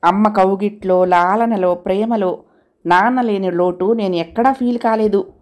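Woman, storyteller, reading a family story aloud, even unhurried narration. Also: mid-range voice.

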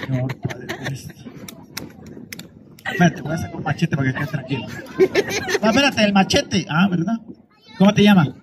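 Mexican guy teasing kids on a mic, high voice that swings all over, noisy street around him. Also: sing-song. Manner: teasing, rapid, mock-dramatic outbursts. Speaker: street comedian hosting a kids' contest. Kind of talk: comic crowd banter with a mic. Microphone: handheld mic.

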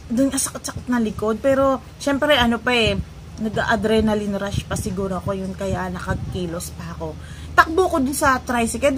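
A woman vlogger telling a personal story in a casual, animated way, often laughing and joking along the way. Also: on the high side. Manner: animated, laughs at her own story, jokes. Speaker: vlogger recounting a personal ordeal. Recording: noisy ambience behind voice.

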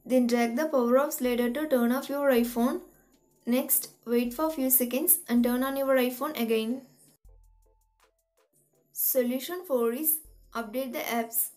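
A woman hosting a tutorial, reading step-by-step instructions in an even, methodical way. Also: high-pitched, a little slow, pauses often, soft background music. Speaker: tutorial host. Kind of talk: scripted step-by-step tech tutorial.

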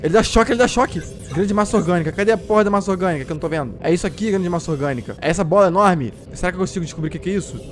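A man with a Brazilian Portuguese accent giving excited, jumpy gameplay commentary, exclaiming and yelping when scared. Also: high voice, rapid-fire, hardly any pauses, faint music behind. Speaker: gameplay streamer.

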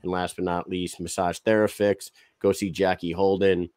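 A man's voice: low-pitched, flat delivery, moderate pace, a little mellow, clean tone, no room sound, clean studio sound. A young man hosting a podcast, brashly reading sponsor plugs and hyping his guest in casual talk. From Boston area. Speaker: podcast host. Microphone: studio mic on arm, headphones.

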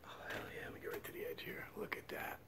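A man exploring an abandoned mill, keeping his voice down to short hushed remarks recorded on the camera's own mic. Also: racing. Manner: hushed, half-whispered remarks while exploring. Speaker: urban explorer host. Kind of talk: quiet walking commentary. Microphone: handheld camera without its mic. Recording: quiet camera audio with background noise.

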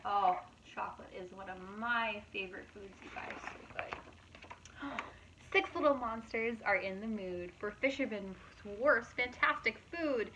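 At storytime, a woman in her thirties who teaches preschool reads picture books to little kids with lively expression and side comments for her audience. She speaks at a medium pitch and a measured pace against a noisy background.

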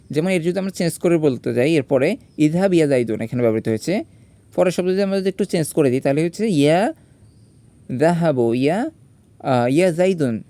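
A man gives a step-by-step grammar lesson in a mellow, slightly higher voice. He spells out each letter and vowel mark slowly. He poses his own questions and answers them at once. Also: no room sound. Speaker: teacher.

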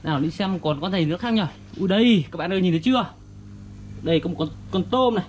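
Northern vietnamese guy, high voice, talks to little kids in simple repeated phrases, bit of outdoor noise. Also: lively intonation, fast talker. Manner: simple, repetitive talk as if to a toddler. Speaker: vlogger for young children. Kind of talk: casual child-directed show-and-tell. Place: outdoors beside a garden fish pond.

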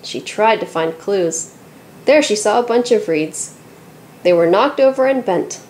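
A woman reads a children's picture book aloud in a lively, expressive storytelling voice. Her voice sits at a middle pitch. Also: a little slow, slight background noise, low-quality recording. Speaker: storybook reader.

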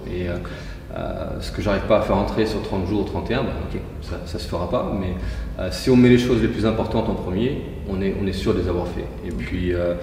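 Talking a little fast in a deep, darkish voice, a man in his forties explains his routine step by step as a guest in a casual interview. He runs a gym, and the recording picks him up from a distance in a big, echoey indoor hall, with a little hiss or hum.

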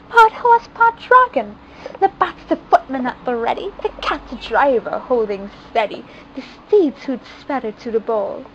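A woman reading a rhyming picture book aloud at home, in a lively sing-song delivery. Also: a little high, highs cut off, background noise. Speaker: reader.

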